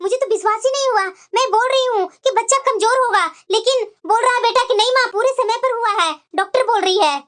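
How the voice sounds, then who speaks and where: A woman's voice: quick pace, few pauses, fairly bright tone. A woman voicing a suspicious, quarrelsome middle-aged mother-in-law in a cartoon, nagging and accusing. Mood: worried, scolding. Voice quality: shrill, very high cartoonish voice. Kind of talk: Hindi cartoon voice acting. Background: background music.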